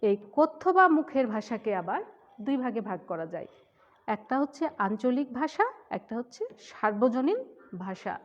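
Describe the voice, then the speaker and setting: A woman's voice: a little high, lively intonation, moderate pace. A woman from the Khulna region teaching a school grammar lesson, who explains step by step, repeats key points and asks her class questions. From Khulna region of Bangladesh. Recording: dull, muffled lo-fi sound.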